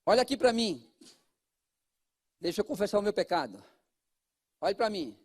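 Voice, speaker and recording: Here the Brazilian-accented pastor sermonizes at normal speed, his high-pitched voice swinging widely in pitch. He speaks straight to the congregation, moving from loud exhortations to soft asides.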